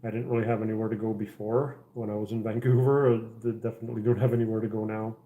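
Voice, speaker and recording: A middle-aged man from the Czech Republic talks casually to his livestream viewers from his house. His voice is mellow and dark, and he rambles through plenty of ums and false starts. The room around him is echoey. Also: on the low side, little pitch movement, very fast. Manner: rambling, many fillers and restarts. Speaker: livestream host. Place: house interior.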